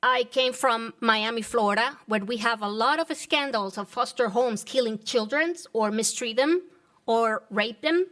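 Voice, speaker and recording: A woman from the Dominican Republic speaking at a public meeting. Her voice is somewhat high, and she talks earnestly with halting pauses. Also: a bit bright. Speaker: resident giving public comment.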